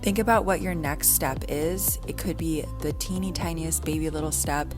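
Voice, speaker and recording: A woman's voice: deep voice, moderate pace. A woman talking in a chatty, informal way, like a lifestyle vlogger sharing her day and tips. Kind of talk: casual vlog chat and tips to camera. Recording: music behind the voice. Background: background music.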